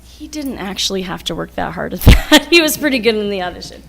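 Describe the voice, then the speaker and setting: A woman's voice: medium pitch, expressive, a little fast, vocal fry, fairly bright tone. Woman teacher presenting at a board meeting. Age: adult. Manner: encouraging, prompts children with questions. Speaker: school music teacher presenting students.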